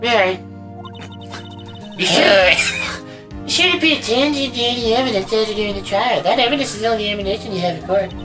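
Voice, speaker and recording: A woman's voice: mid-range voice, fairly quick, pauses often, over music, lightly acted, poor audio. A woman playing an exasperated female mentor lawyer in a video game, coaxing a rookie along. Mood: instructive.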